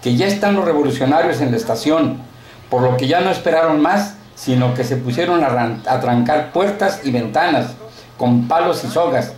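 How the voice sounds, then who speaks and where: A man whose voice is a little high narrates a short story aloud, keeping a steady, colloquial delivery. The recording has the echo of a reverberant room.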